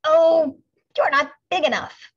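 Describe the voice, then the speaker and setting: A woman voicing a small grouchy ladybug that picks fights, with loud, brash taunts, on a slightly muffled recording. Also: on the high side, big pitch swings, measured pace, slightly rough, pitched above the performer's own voice, heavily acted.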